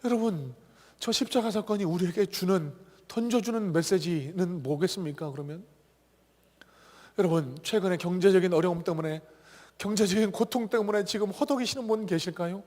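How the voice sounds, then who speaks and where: A male pastor preaching a sermon with passion, moving between hushed whispers and loud, pleading appeals to the congregation. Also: high-pitched, a little fast, long reverb tail. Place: church sanctuary.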